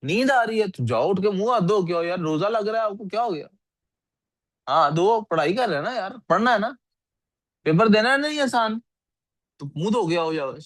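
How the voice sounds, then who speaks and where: A man's voice: sits high, expressive, normal speed, long pauses, a bit bright, dry recording. A male teacher giving a classroom lecture and often asking his students questions. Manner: asks the class frequent questions, scolds sleepy students.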